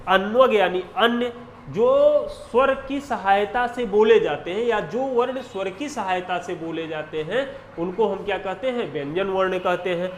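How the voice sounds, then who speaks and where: A man's voice: high-pitched, reverberant, a little hiss or hum. A male teacher giving an exam-prep lecture, asking questions and answering them himself, spelling out definitions word by word. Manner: drills terms with questions and answers to students.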